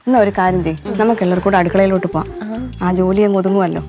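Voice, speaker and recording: A woman's voice: medium pitch, steady tone, racing, music in the background, lightly acted. A woman playing a fed-up, nagging wife who bosses everyone in the kitchen, in a comedy sketch.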